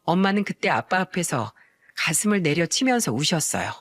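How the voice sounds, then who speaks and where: A woman's voice: lowish voice, big pitch swings, a bit bright, dry recording. Woman narrating a family story, dry. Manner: measured, rhetorical asides. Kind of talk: first-person story narration.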